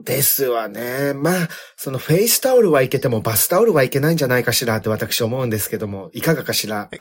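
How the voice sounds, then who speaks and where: A man's voice: medium pitch, lively intonation, fast talker, lightly acted. A man playing a haughty rich young lady, chatting as a comedy radio host in politely feminine Japanese rich-girl speech. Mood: refined, musing. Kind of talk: comic advice chat in character.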